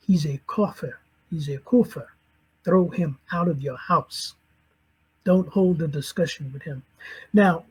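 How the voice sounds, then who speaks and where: A man's voice: sits high, a little mellow, slightly rough, low-quality recording. A middle-aged man from St. Louis, Missouri gives a personal conversion testimony. He is earnest and acts out whole conversations in quoted dialogue. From St. Louis, Missouri, USA. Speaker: convert telling his story.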